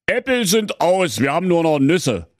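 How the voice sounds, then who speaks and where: A man's voice: a little high, sing-song, moderate pace, no echo, studio quality, voice pushed up. A man voicing a bossy male wolf disguised as Santa who scolds his partner. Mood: impatient.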